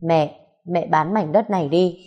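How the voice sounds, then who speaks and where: A woman's voice: on the low side, unhurried, mellow, lo-fi sound, natural voice. A woman reading the part of a firm, earnest middle-aged man pressing his mother. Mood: persuading. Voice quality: earnest, persuasive.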